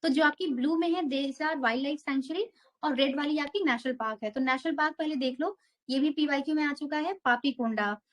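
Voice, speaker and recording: A woman's voice: high-pitched, fairly quick. A young woman teaching an exam prep geography lesson, walking through a map step by step and mixing English terms into her Hindi.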